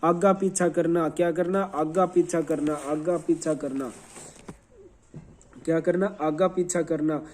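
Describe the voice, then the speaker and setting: A male teacher running a quick revision lesson, repeating answers, quizzing the class and spelling words letter by letter. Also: a little high, steady tone, a little mellow.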